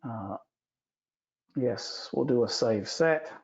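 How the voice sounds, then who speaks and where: A man explains software steps and answers questions on a live stream, at an average pitch. He talks in a relaxed, explanatory way with many fillers. The audio is a bit dull and lo-fi. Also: slow pace. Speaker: guest instructor.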